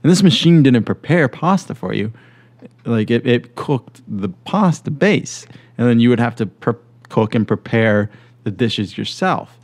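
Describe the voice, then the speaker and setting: A man's voice: mid-range voice, lively intonation, a little slow, a little mellow. A man hosting a casual comedic commentary chat, talking informally and joking. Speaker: show host.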